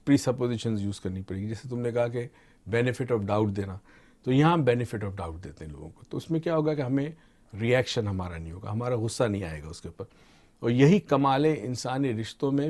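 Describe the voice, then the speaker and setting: Calm explaining middle-aged man. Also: medium pitch. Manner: calm teaching tone, mixes English terms into Urdu. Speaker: expert guest on motivation and mind training. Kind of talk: explanatory discussion.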